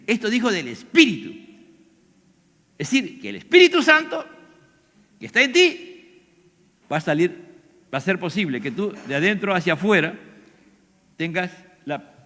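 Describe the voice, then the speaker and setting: An older pastor with a Peruvian Spanish accent preaches a sermon in an echoey church hall, putting questions to the congregation and acting out quoted lines. His voice is high-pitched and fairly bright.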